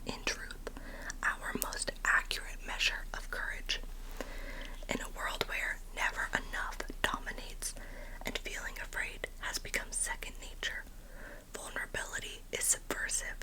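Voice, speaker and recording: A woman doing a whispered role-play as a librarian, speaking in a soft, breathy library whisper with a gentle, unhurried manner. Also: low-quality recording. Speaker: librarian in a role-play, recommending and checking out books.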